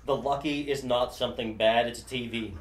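A young man in his twenties jumps in with quick remarks while co-hosting a casual chat about his web series. He talks fast, in a room full of echo. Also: medium pitch, steady tone, a little hiss or hum. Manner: quick interjections, chimes in. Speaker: co-host of a comedy web series. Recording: echoey room.

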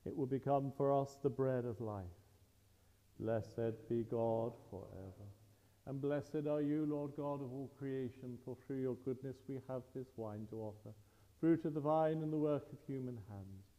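A man leading the Mass as priest, reciting the prayers in a slow, measured, solemn way, his voice carried by a long cathedral echo. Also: medium pitch, mellow. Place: large church. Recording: dull lo-fi recording in a reverberant church.

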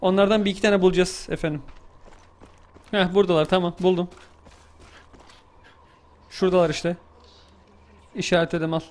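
A young man casually commenting on his gameplay, joking around and shouting excitedly at the action. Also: high voice, moderate pace, long pauses. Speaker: gaming YouTuber.

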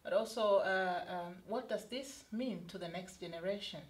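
A middle-aged woman from Tanzania, a study advisor, explaining a study programme in an interview with frequent pauses and fillers. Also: mid-range voice, a little hiss or hum. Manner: hesitant, many fillers and restarts. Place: studio set, indoors.

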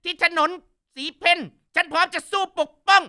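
Man mimicking a shrill furious old firebrand woman. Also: fairly quick, clear, resonant tone, exaggerated voice. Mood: defiant. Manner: shrill, ranting, yelling insults. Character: furious, foul-mouthed plump older woman firebrand.

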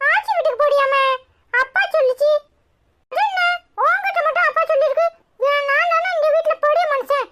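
Woman as small cartoon boy: Tirunelveli accent, piping voice, chatty, cheeky, caring. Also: heavy background noise. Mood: playful. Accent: Tirunelveli Tamil. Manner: chirpy, high-pitched childish chatter.

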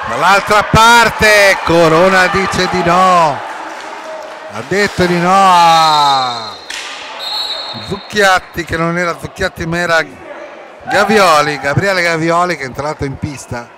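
An Italian man giving excitable live sports commentary, shouting and stretching players' names, recorded in a noisy sports hall. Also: a little high, slow. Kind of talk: live roller hockey match commentary. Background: crowd and rink noise.

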